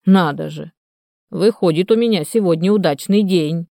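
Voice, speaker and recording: Woman doing a hoarse grumbling old watchman. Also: on the low side, mellow, no echo, studio quality. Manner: grumbling, slow and musing. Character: hoarse half-drunk old male canal watchman.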